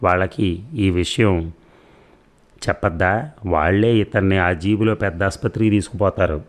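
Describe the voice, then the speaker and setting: A man's voice: sits low, steady tone, normal speed, close to an everyday voice. A man doing a sly, meddling male friend. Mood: teasing.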